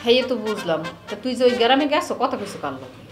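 A woman's voice: on the high side, very animated, reverberant, over music. An actress playing a scolding village mother with an in a comedy TV drama. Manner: scolding, quick-tongued.

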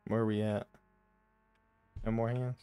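A young man giving casual, jokey commentary while playing a horror driving game, slangy and quick to yelp when startled. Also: on the low side, little pitch movement, dark tone, clean tone. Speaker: gaming YouTuber.

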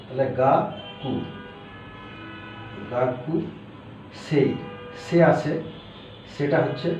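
A man's voice: mid-range voice, drawn-out words, a little mellow, faint music behind. A man teaching a language lesson, patiently repeating and spelling out syllables one at a time. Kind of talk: spoken grammar lecture. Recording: echoey, dull lo-fi room sound.

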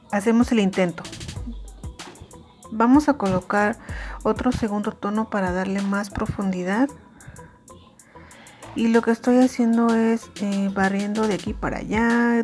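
A woman's voice: medium pitch, darkish tone. A woman doing a casual makeup tutorial, chatty and hesitant, with many fillers. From Mexico. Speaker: beauty vlogger.

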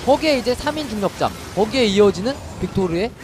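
Male esports caster, very high voice, excitable, urgent repetition, swooping delivery, music behind. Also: quick pace. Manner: excitable, repeats phrases urgently. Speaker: esports commentator. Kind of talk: esports caster commentary on a live game.

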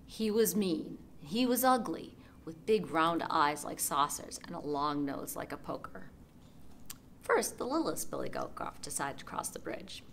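A woman reading a children's story aloud at library storytime in an expressive, sing-song way. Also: sits low, normal speed, gravelly, a little hiss or hum.

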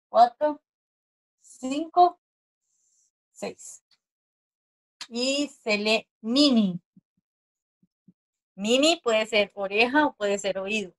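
A woman teaching a class over a video call, patiently counting strokes aloud and often checking in with her listeners. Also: a little high. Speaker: Japanese teacher. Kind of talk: online class explanation.

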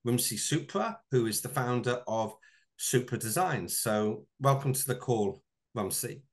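A man's voice: mid-range voice, animated, measured pace. Middle-aged man hosting a video-call interview. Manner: friendly, repeats words when framing questions. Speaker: interview host. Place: home room indoors. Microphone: webcam on a video call.

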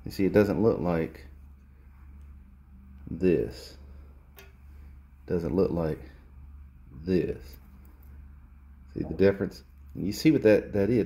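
A man's voice: low-pitched, gravelly, dark tone. A man in a cluttered workshop showing a repair on camera, blunt and lecturing, repeating his points for emphasis. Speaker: repair technician. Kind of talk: hands-on repair demonstration. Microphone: handheld phone camera close to the work.

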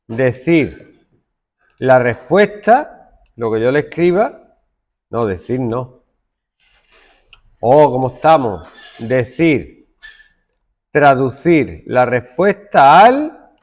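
A man's voice: mid-range voice, very animated, slow, pauses often, a little mellow. A male computing teacher demonstrating code to a class, thinking aloud as he works and making stern asides to his students.

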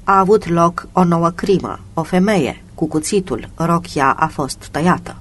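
A reader voicing a male police inspector who sounds sad and apologetic, talking slowly and quietly in an audiobook. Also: mid-range voice, a little hiss or hum, natural voice. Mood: subdued.

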